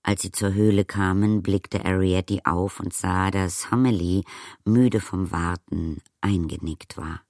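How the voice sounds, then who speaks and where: Deep-voiced man reading a storybook. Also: fairly even intonation, measured pace, a little mellow, no room sound, studio quality. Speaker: audiobook narrator. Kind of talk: scripted storybook narration.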